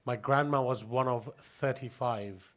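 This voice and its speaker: A man's voice: medium pitch, a little slow, a bit bright. A man from Pakistan telling stories as a podcast guest, chatty and laughing, with many restarts. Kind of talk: casual interview storytelling.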